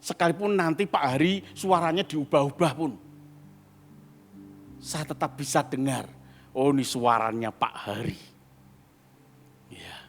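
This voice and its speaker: A male pastor preaching a sermon in a storytelling way, moving between loud exclamations and quiet asides. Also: on the high side, measured pace, long pauses. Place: church hall. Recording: long reverb of a church hall.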